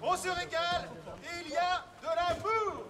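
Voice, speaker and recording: A man performing as a town crier, proclaiming residents' messages in a loud, drawn-out, declamatory call. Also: very high-pitched, pitched above the performer's own voice. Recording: outdoor street with loud crowd. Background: busy crowd in an urban street.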